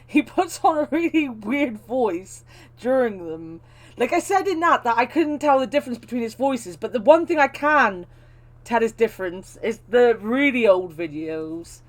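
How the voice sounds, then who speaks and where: A woman's voice: a little high, lively intonation, normal speed. A woman chatting casually while streaming a video game.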